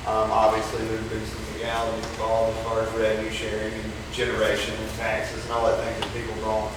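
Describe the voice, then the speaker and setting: A man's voice: fairly low pitch, monotone, fairly quick. A man talking informally in a public meeting discussion. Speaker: local board member at a public meeting. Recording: echoey room, distant mic, background noise.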